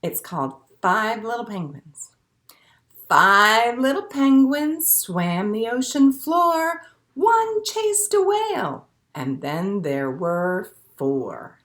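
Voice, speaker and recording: Reading picture books and rhymes to young children, a woman librarian speaks slowly in a slightly bright, higher voice with big swings in pitch. Her phrasing stays simple and encouraging throughout the animated read-aloud storytime.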